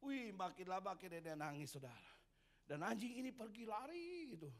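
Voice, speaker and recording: A man preaching a sermon as pastor, telling a story with animated delivery. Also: high-pitched, fairly quick.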